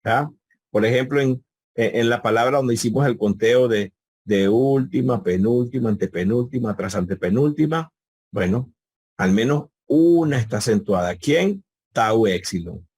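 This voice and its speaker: A man's voice: medium pitch, lively intonation, normal speed, darkish tone, no room sound. A man teaching a live online Greek class over a video call, patiently repeating key words and quizzing his students.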